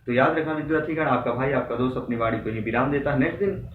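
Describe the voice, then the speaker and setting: A man's voice: medium pitch, racing. A young man teaching Hindi spelling for exams, earnestly drilling correct and wrong forms and urging his students on. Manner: motivating, addresses students directly. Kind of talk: exam-prep spelling lesson. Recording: echoey room, from a distance, dull sound with faint noise.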